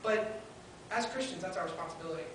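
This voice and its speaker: A woman's voice: on the low side, animated, fast. Woman preaching at a pulpit microphone, echoey hall. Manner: earnest, builds points in short listed phrases. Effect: spoken into a pulpit microphone. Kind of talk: sermon. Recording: very echoey hall, heard from far off, faint hiss.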